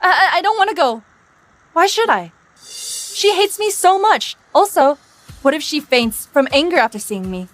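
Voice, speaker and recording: A woman's voice: very high voice, sing-song, moderate pace, fairly bright tone, slight background noise, heavily acted. Defiant, guarded young mother. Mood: reluctant. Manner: defiant, curt. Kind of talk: dubbed drama acting.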